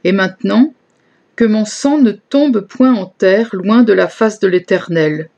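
A woman's voice: mid-range voice, measured pace, darkish tone, lo-fi sound. A woman voicing an earnest young male leader in a scripture reading, solemn and pleading.

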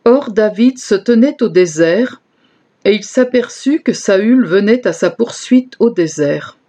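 A woman reading scripture aloud as narration, steady and measured. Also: mid-range voice. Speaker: scripture reader.

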